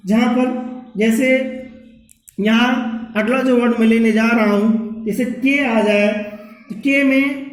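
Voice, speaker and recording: Echoey male English teacher, spelling out words. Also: very high-pitched. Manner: spells words letter by letter, keeps saying "ठीक है". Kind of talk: pronunciation lesson.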